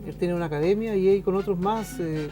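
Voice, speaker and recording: A middle-aged man with a Chilean accent, a teacher chatting on a talk show, thoughtful and pausing often. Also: sits high, music in the background. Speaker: show host and school teacher. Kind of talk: casual conversation on a talk show.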